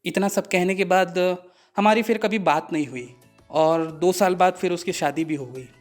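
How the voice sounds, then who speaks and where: A young man telling a comic story to camera, animated and mock-dramatic. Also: high-pitched, moderate pace, faint music behind. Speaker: comedy video creator.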